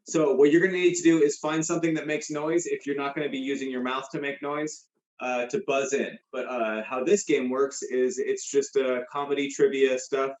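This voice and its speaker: A man's voice: mid-range voice, flat delivery, normal speed, reverberant, a little hiss or hum. Rambling man hosting a comedy quiz. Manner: rambling, many fillers and restarts. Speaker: host. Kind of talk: casual comedy game show chat. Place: room with a guest beside him.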